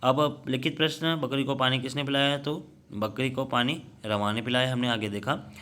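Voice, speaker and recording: A young man teaching children, reading a workbook story aloud with many halting restarts and fillers, then going through the answers. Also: mid-range voice, steady tone, pushed and bright.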